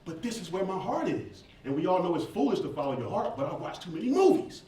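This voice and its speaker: His voice sits high and moves quickly as this Southern performer answers questions from the crowd with casual, humorous storytelling. The setting is an echoey indoor event space full of people, recorded from a distance with background noise.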